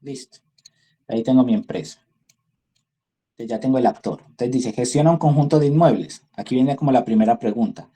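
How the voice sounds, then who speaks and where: A man teaches an online class in a very dark, husky voice. He reasons aloud and keeps asking his students whether they follow. He speaks through a computer microphone on a video call. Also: mid-range voice, brisk. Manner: thinks aloud, checks in with tag questions. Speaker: university instructor.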